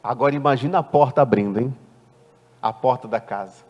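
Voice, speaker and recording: A man preaching a sermon, animated and often questioning the congregation with playful asides. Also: medium pitch, brisk, dull audio. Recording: long church-hall reverb.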